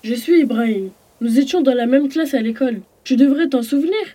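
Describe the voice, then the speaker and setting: A woman's voice: sits high, a little fast, dark tone, breathy edge. A woman playing a kind young man who helps his old classmate, in a children's audio drama.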